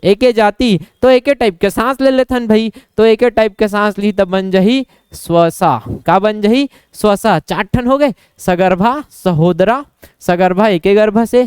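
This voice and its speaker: A man's voice: high-pitched, a little mellow, smooth, no echo, clean studio sound. A young man with a Chhattisgarhi accent teaching an exam-prep Hindi lesson, playfully acting out little scenes and quizzing himself.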